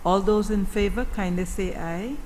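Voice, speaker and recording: A woman presiding over a chamber, putting a procedural question in a measured, formal way. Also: mid-range voice, a little mellow. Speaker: presiding officer. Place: legislative chamber. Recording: distant voice in reverberant chamber, faint noise.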